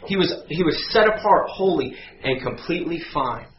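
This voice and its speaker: A man telling a lively story in a sermon, acting out voices and sound effects as he goes. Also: a little high, normal speed. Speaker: guest preacher. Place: church sanctuary. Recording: echoey church, dull sound, faint hum.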